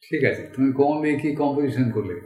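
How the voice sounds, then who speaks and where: A man teaching recitation, explaining calmly and then acting out single words in a hushed or dramatic way. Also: medium pitch, very fast. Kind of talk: teaching demonstration.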